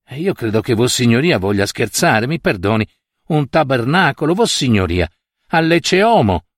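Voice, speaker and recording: A man's voice: medium pitch, very animated, normal speed, dry recording, studio quality. A man voicing a humble, pious craftsman who answers his master respectfully and pleads with him. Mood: pleading.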